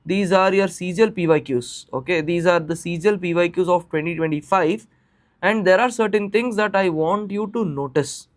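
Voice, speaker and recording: A man's voice: sits high, moderate pace. A man with an Indian accent teaching an informal live online class, repeating phrases and checking in with questions. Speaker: teacher of exam preparation class.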